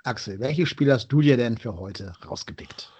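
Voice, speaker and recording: A man's voice: mid-range voice, expressive, moderate pace, darkish tone, breathy edge, lo-fi sound. A man hosting a podcast in a conversational style, introducing and questioning his guest. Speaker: podcast host.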